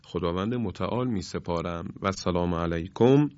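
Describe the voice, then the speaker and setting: A man teaching Quran recitation in a broadcast lesson, speaking politely and measured, stretching out example words slowly. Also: deep voice, a little mellow, no echo. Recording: dry, dull lo-fi broadcast sound.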